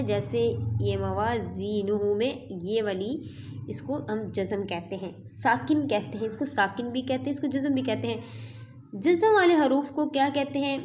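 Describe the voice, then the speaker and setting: A woman's voice: on the high side, darkish tone, slight background noise. A woman teaching Quran reading, patiently sounding out syllables and repeating them for learners to follow. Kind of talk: slow teaching drill, demonstrating letter sounds.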